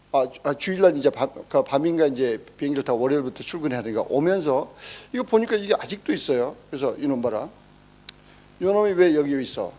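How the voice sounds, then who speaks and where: A man preaching a sermon, telling a story with animated exclamations and acting out quoted speech. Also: fairly high pitch. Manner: emphatic exclamations. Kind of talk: sermon testimony.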